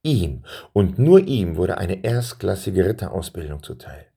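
A man reading a children's story aloud in a calm manner and turning to address his young listeners. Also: sits low, a little slow, creaky, slightly rough.

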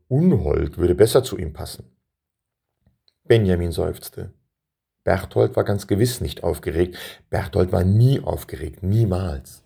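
A man reading a children's story aloud in a calm manner and turning to address his young listeners. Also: sits low, gravelly, husky.

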